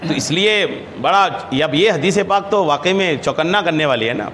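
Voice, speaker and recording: Animated high-voiced male preacher in a reverberant hall. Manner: chants Arabic hadith text slowly, then explains it in lively repetitive speech; asks rhetorical questions and repeats key phrases. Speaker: religious scholar and preacher. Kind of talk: hadith lesson sermon. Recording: long hall reverb, faint background noise.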